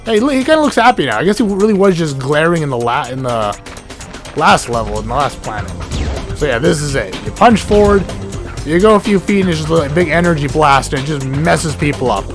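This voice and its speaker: A man's voice: fairly high pitch, sing-song, brisk. Rambling young man over game music. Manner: rambling, chatty, self-deprecating, many filler "like"s. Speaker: let's play gamer. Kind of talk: casual gameplay commentary.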